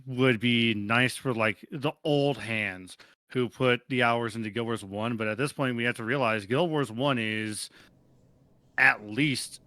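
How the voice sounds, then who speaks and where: A man co-hosting a casual chat, explaining points in quick, thought-out runs. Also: mid-range voice, pushed and bright, dry recording. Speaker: co-host.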